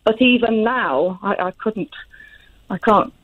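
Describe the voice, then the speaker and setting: A woman's mid-pitched voice comes down a thin, muffled telephone line. She is a radio caller telling her own story, hesitant and halting as she restarts her phrases. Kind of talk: personal account on a radio phone-in. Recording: muffled narrowband phone line.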